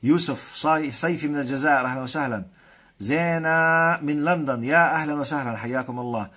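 A man's voice: a little high, quick pace, pushed and bright. A man from Jordan with a Jordanian accent, hosting a live stream and greeting viewers one by one with blessings and frequent chuckles. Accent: Jordanian Arabic. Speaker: host.

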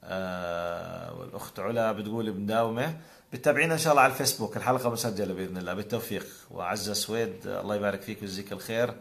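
A man's voice: on the low side, racing, vocal fry. A man with a Jordanian accent hosting a live call-in broadcast, greeting viewers one by one with blessings. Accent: Jordanian Arabic. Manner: warm religious blessings, conversational. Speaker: call-in show host.

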